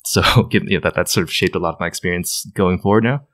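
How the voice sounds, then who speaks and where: Deep, quick-talking male guest from Hong Kong, loose rambling storyteller. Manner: relaxed storytelling, many fillers. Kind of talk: casual interview talk.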